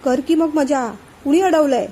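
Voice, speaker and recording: Dev is a stern older brother, sulking and curt, his short replies laced with taunts in a storybook, as a woman narrator plays him. The voice is pitched a touch lower than her narration, still mellow. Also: normal speed, slight background noise, natural voice. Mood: curt, taunting.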